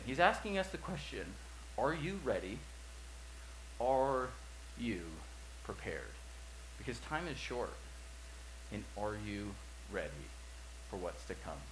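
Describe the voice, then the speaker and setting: A man in his forties preaching a sermon, telling a story with acted-out quotes and swings from loud to hushed. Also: medium pitch. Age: 40s. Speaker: pastor. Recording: echoey room with faint hum.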